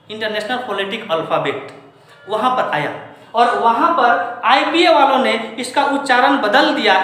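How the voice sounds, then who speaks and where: A man's voice: very high-pitched, pushed and bright. A man from India giving a spoken lesson, lecturing in a rhetorical way and putting questions straight to his listeners. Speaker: teacher. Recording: very echoey room.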